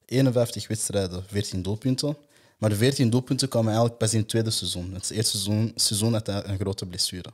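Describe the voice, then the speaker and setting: A man, hosting a casual football podcast and reading player facts in a steady, matter-of-fact way. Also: on the low side, brisk, breathy edge.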